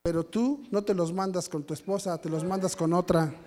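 A man preaching a sermon as a pastor, telling stories, acting out what people said and building to loud peaks. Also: high-pitched, steady tone, a little fast, slight background noise. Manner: storytelling, acts out quotes, rises to shouting peaks.

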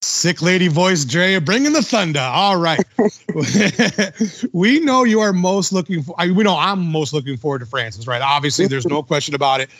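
A man's voice: fairly high pitch, lively intonation, moderate pace, a bit bright, no echo, clean studio sound. A man hosting a podcast in casual chat, enthusiastic and full of slang like dude and bro. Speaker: podcast host.

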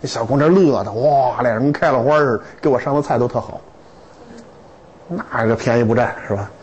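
A man lecturing to students in a lively, humorous way, with stories and rhetorical questions. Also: medium pitch, brisk, breathy edge, lo-fi sound.

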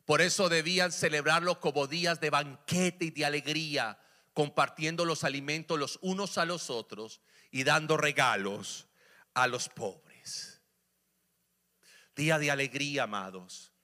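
A man preaching an animated sermon to a congregation, stretching out scripture verses slowly and acting out little scenes. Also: on the high side. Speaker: pastor. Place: church sanctuary with congregation. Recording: echoey hall reverb.

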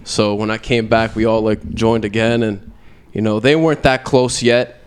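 A man's voice: lowish voice, steady tone, moderate pace, clean tone. A man chatting as a guest, easygoing and playful. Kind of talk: casual chat.

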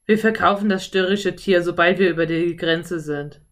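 A woman voicing rough male cowboys, loud and grumbling. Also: lowish voice, normal speed, natural voice. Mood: surly. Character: rough adult male cowboys, gruff horse thieves.

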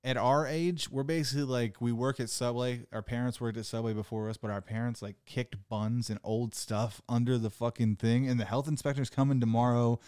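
A man's voice: mid-range voice, fairly even intonation, brisk, hardly any pauses, darkish tone, smooth, no room sound, studio quality. A man in his thirties chatting casually as a podcast host and comic, rambling with lots of "like" and swearing. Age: 30s. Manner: loose, rambling, swears often, says "like" a lot. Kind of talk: casual chat.

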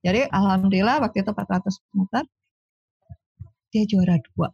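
A woman, a sports psychologist telling lively stories in a casual interview. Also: medium pitch, fairly quick, gravelly, husky, no echo, highs cut off. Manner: animated storyteller, acts out quoted dialogue.

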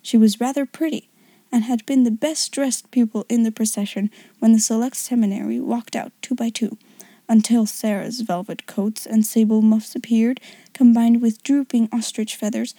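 A woman narrating a children's novel in a soft, half-whispered reading voice. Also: a little high, fairly even intonation, moderate pace, no echo. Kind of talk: audiobook narration.

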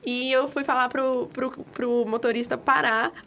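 Woman, guest, casual chat, somewhat high voice, faint background noise. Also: fairly even intonation, fairly bright tone. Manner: emphatic, slows down to stress words.

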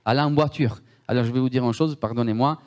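This sermon is delivered in French by a man whose first language is Italian, and his strong Italian accent shows. His mid-range voice has a darkish tone and moves fairly quickly. He is emphatic, often repeating himself and questioning his listeners.

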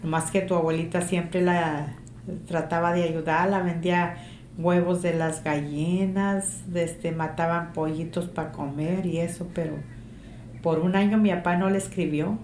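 A woman's voice: on the low side, measured pace. Strong-voiced mother telling family stories. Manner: animated, strong voice, acts out remembered dialogue. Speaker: interviewee, mother of the interviewer. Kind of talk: casual family storytelling. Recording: echoey room with faint ambient noise.

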